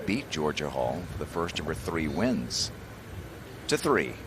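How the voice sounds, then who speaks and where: A man's voice: a bass voice, sing-song, a little slow, a loud crowd. A man acting as a golf commentator, calling play in live television coverage. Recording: very noisy outdoor broadcast ambience. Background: loud outdoor course noise.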